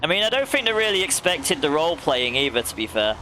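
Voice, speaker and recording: A man's voice: on the high side, big pitch swings, fast, sharp tone, slight background noise. A young man streaming a racing game, chatting casually, laughing often and addressing viewers by name. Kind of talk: casual chat while gaming.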